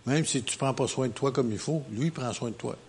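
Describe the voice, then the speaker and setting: A man preaching a sermon as pastor, animated and emphatic, with joking asides. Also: medium pitch, fairly quick, a little hiss or hum.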